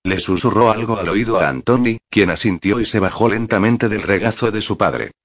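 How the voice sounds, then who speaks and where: Deep-voiced male audiobook narrator. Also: brisk. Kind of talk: scripted narration.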